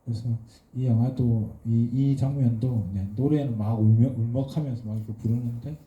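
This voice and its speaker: A man's voice: mid-range voice, moderate pace, echoey room, phone-quality sound. A man, a guest writer at a post-screening talk, speaking thoughtfully with many fillers and restarts. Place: event hall.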